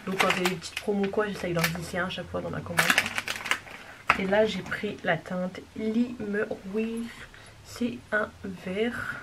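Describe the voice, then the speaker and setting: A woman showing off a makeup haul in a casual, gushing way, sometimes dropping to a soft whisper. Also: mid-range voice. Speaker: beauty vlogger. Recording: distant mic with clear background noise.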